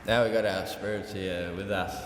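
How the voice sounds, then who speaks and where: A young adult man from South Australia, a dance group leader and language teacher, gives an informal, unscripted welcome speech at a conference in a relaxed, colloquial style with an Australian accent. His voice is deep and his pace moderate. The large hall is echoey with long reverb and background noise.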